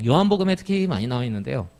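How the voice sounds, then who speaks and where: A man's voice: mid-range voice, big pitch swings, very fast, a little mellow. A middle-aged man from Jeju preaching an expository sermon, explaining step by step and putting questions to the congregation. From Jeju, Korea. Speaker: pastor. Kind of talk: expository sermon at a midweek service.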